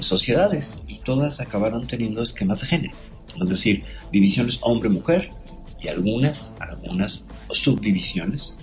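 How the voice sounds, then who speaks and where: A man with a very low voice explains things in a measured, lecturing way as host. The sound is dull and lo-fi, with faint music behind him. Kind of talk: explanatory talk show.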